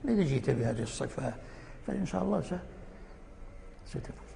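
A man teaching the rules of Quran recitation, explaining in plain speech and chanting example words slowly. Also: mid-range voice, expressive, vocal fry, warm tone, slight background noise. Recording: echoey hall recording.

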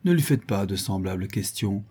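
A man reading an audiobook, voicing a mild older gentleman who quietly reproves. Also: low voice, expressive, normal speed, slightly rough. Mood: reproving.

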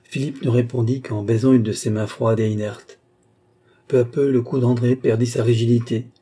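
Deep-toned, husky male audiobook narrator. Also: flat delivery, mellow. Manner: measured, composed.

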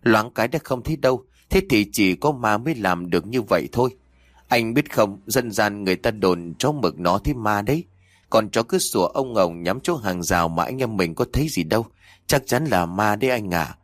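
A man's voice: on the low side, lively intonation, moderate pace, dry recording, studio quality. Man doing a stammering scared sidekick. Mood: frightened. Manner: stammering, trembling. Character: timid frightened young male sidekick.

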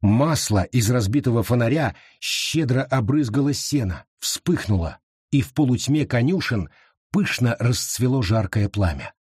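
Male audiobook narrator, slow and animated delivery, dry close recording. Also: medium pitch, husky, dry recording. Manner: slow, expressive storytelling.

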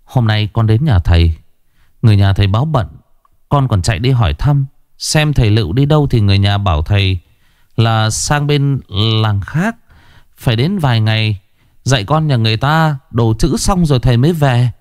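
A man's voice: fairly low pitch, slow, pauses often, no room sound, studio quality. A man voicing a timid young male servant who stammers and pleads nervously to his master. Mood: anxious.

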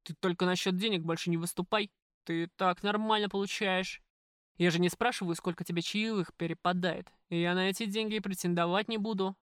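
A woman voicing a crude, pushy male restaurant boss in an audiobook, gruff and wheedling by turns. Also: fairly low pitch, fairly even intonation, brisk, no room sound, studio quality, natural voice. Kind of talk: audiobook character voice.

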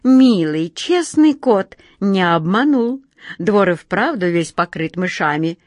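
A woman's voice: mid-range voice, animated, takes it slowly, darkish tone, no room sound. A woman reading a storybook, voicing a sly, predatory female yard cat with a smug, purring, teasing manner. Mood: delighted.

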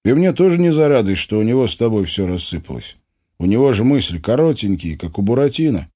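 A man's voice: lowish voice, very animated, fast, warm tone, slightly rough, pitched above the performer's own voice. A man doing an earnest persuasive young man. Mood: pleading. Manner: urgent, persuasive.

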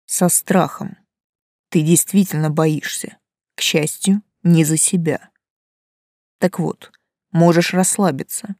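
A woman voicing a sly male forest spirit who teases in a calm, quietly menacing way. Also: low voice, takes it slowly, long pauses, dry recording, clean studio sound. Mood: teasing.

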